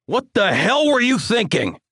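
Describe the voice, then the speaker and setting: A male narrator voicing an angry, bombastic father who lectures his son in a raised, high-strained voice. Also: wildly swooping pitch, a little slow, husky, no room sound, studio quality, exaggerated voice. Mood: furious. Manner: shouting, lecturing tirade.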